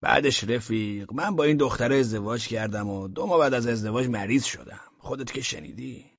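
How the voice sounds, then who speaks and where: A man's voice: mid-range voice, husky, no room sound, dull audio. A man doing a boastful, aggrieved storyteller. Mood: aggrieved boasting. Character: boastful talkative grown man, hotel trainee. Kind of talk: audiobook character reading.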